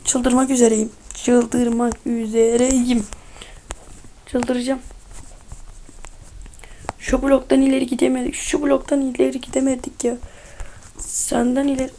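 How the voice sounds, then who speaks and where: A woman's voice: high-pitched, little pitch movement, fairly quick, gravelly, mellow, a little hiss or hum. A young woman commenting casually as she plays a game, exasperated, muttering and swearing at it. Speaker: gaming streamer.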